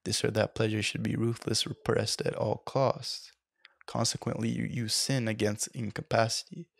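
A man's voice: fairly low pitch, flat delivery, moderate pace, gravelly, dry recording, studio quality. A man reading a book passage aloud in a lecture, often stumbling over words and correcting himself.

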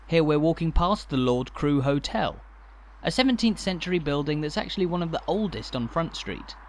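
A man with a slightly high voice narrates a walking tour from a script. His delivery is measured and informative, with a light, dry humour. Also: expressive, slight background noise.

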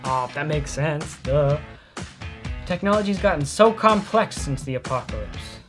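A teenage actor playing a petty, easily sidetracked apocalypse survivor who rambles and keeps apologizing in a comedic short film. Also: male voice, fairly high pitch, lively intonation, measured pace, music in the background. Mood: rambling. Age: teens. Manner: rambling, self-interrupting, apologetic asides. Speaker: survivor recording a video message.

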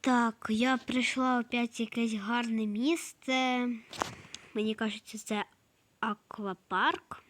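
A woman with a hoarse voice narrating her game play in a soft, slow way, often slipping into a whisper. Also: a little high, little pitch movement, slight background noise. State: hoarse, coughing. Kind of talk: casual gameplay narration.

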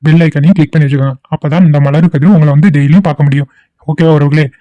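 A man's voice: on the high side, steady tone, racing, no echo, lo-fi sound. A man channel host giving a friendly, inviting introduction to viewers.

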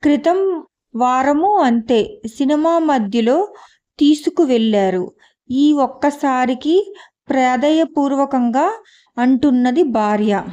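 A woman narrating an audio novel in a steady, measured storytelling manner. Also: sits high, dull audio.

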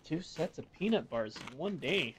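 Guy gaming with a buddy, kinda high voice, jokey and cussing a lot. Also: lively intonation, moderate pace, background noise. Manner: joking, swearing, chatty banter. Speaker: gamer. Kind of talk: casual co-op game chat.

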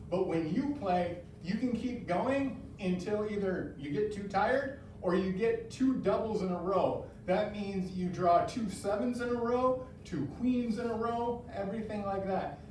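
In an instructional adaptive fitness class, a man in his thirties offers upbeat, step-by-step cues and encouragement at a measured pace. His voice is high with a darkish tone, and a distant camera records him in a large, bare, strongly echoing room with a bit of hiss or hum.

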